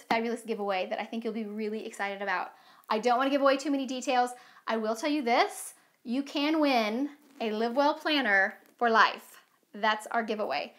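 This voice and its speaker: A woman in her thirties talks straight to the camera, answering customer questions about her company's product. Her voice sits a little high, and she keeps an upbeat, chatty and reassuring tone throughout. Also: a bit bright. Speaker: company founder presenting a Q&A video. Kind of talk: casual direct-to-camera Q&A.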